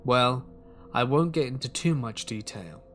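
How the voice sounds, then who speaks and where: A man's voice: medium pitch, lively intonation, unhurried, fairly bright tone, faint music behind. A man voicing a creepy, leering bald stranger with a sly, insinuating manner.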